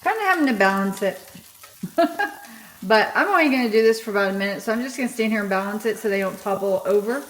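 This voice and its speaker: A woman's voice: medium pitch, animated, very fast, hardly any pauses, a bit bright, a little hiss or hum. A woman chatting casually through her cooking vlog, thinking aloud as she makes and tastes dinner in her home kitchen. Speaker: food vlogger. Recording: echoey kitchen with sizzling food.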